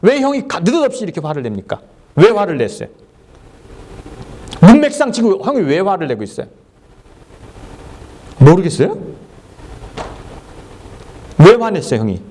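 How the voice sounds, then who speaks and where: Lively, animated male pastor preaching. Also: high-pitched, moderate pace, long pauses. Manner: animated, quizzes the congregation, laughs often. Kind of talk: sermon. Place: church service.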